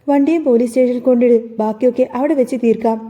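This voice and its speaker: A woman's voice: on the high side, steady tone, rapid-fire, warm tone, long reverb tail, muffled recording, close to an everyday voice. A woman voicing an arrogant male police officer in a storybook narration, speaking in a scornful, insulting way.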